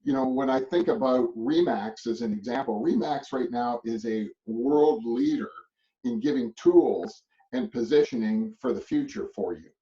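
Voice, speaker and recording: A man's voice: mid-range voice, animated, normal speed, warm tone. A middle-aged man from Canada giving a motivational presentation to real estate agents, rambling and chuckling, with many a tag "right?". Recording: distant muffled mic.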